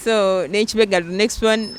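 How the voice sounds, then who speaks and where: Appearing as a singer guest in a relaxed interview, this young Ugandan woman mixes Luganda and English and performs the voices of those she quotes as she tells her stories with animation. Her voice is medium-pitched, clear and resonant at a moderate pace, though the recording is rough.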